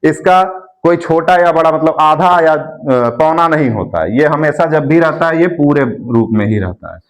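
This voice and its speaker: A man's voice: fairly high pitch, animated, moderate pace. A man teaching a lesson, explaining step by step and drawing out and repeating syllables. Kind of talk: classroom lesson.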